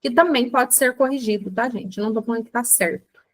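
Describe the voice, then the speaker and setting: With a fairly high pitch and slightly fast delivery, a Brazilian woman who is a psychologist gives a chatty online lecture to a book club class. She has a Brazilian Portuguese accent, speaks to listeners directly as "gente," and acts out everyday scenarios.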